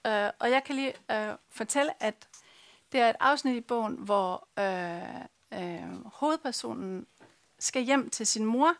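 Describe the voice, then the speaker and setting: A woman interviewing an author, speaking hesitantly with many filler sounds. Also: fairly high pitch. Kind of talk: casual conversation.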